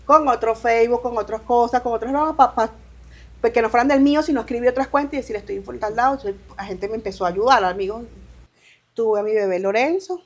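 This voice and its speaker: A woman from Venezuela, in her thirties, telling her migration story as an interview guest in halting speech with restarts and quoted dialogue. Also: fairly high pitch, lo-fi sound. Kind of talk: emotional personal testimony.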